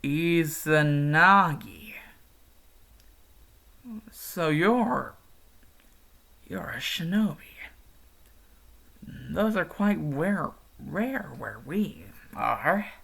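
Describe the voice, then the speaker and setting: A man voicing a sinister male toy-company founder in a low, hushed, creaky whisper. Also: sing-song, extremely slow, pauses often, heavily acted. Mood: menacing hush.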